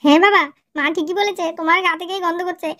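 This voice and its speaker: A woman's voice: extremely high pitch, steady tone, quick pace, fairly bright tone, no room sound, pitched above the performer's own voice. A woman voicing a young girl who whines and complains, siding with her mother. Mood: whiny. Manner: whiny, complaining.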